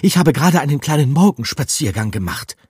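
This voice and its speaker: A man puts on a high, squeaky storybook rat lady, out of breath and bursting with news, her voice climbing and cracking as she rushes on. The sound is close and dry, with no room around it. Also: big pitch swings, a little mellow, husky, dry recording. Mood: excited.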